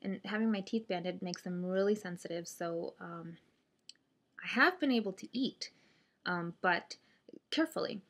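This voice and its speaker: A woman's voice: lowish voice, measured pace, a bit bright. Hesitant woman vlogger, stiff post-surgery jaw. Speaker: vlogger sharing surgery recovery update. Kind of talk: casual chat to camera.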